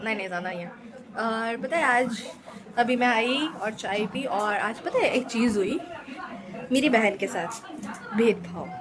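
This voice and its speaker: Chatty woman vlogger with a higher voice. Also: unhurried, noisy background. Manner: chatty, talks straight to viewers; heated and emphatic when ranting. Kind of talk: casual daily vlog chat.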